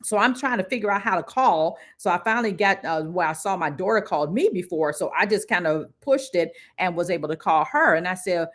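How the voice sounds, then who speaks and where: Speaking fairly quickly with hardly any pauses, this middle-aged career coach uses her livestream to share a personal story in a lively, casual way. Her fairly low voice shifts as she acts out what people said.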